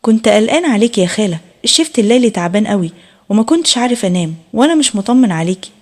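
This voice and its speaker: A soft, earnest young man of twenty-three with an Egyptian Arabic accent, voiced by a woman reading a storybook. He talks quickly and pleadingly, and the voice has a husky, breathy edge. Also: a little high, animated. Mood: worried. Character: gentle shy young man of 23.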